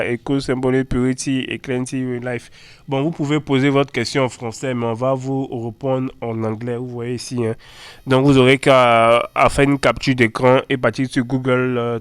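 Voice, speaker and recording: Guy demoing phone apps, chatty, lots of "voilà" type fillers, smooth close dry mic. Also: medium pitch, no room sound. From Ivory Coast. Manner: chatty, many fillers and repeated words. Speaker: tech channel host. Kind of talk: screen-recorded app walkthrough.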